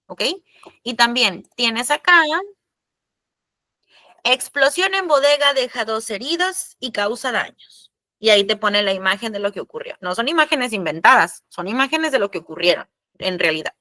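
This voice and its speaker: A woman's voice: a little high, lively intonation, moderate pace, sharp tone, no room sound. A woman teacher, explaining a lesson in an online class, chatty and addressing the students directly.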